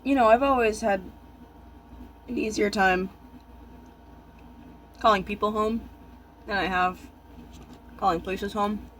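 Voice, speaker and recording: A young man chatting casually while eating, talking with his mouth full in halting, musing short thoughts. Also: sits high, steady tone, fairly bright tone, a little hiss or hum, low-quality recording.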